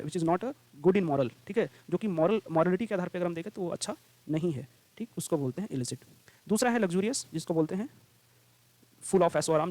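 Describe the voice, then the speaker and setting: Fast, high-voiced tutor man. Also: no room sound. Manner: repeats "ठीक है" and "right" as check-ins, quick and energetic; reads English definitions slowly and deliberately. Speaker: English vocabulary teacher. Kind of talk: explanatory classroom lesson.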